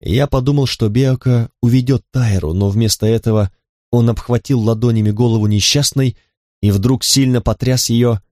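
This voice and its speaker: A man narrating a novel in the first person, with steady, even storytelling. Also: mid-range voice, normal speed, dry recording, studio quality. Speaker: audiobook narrator.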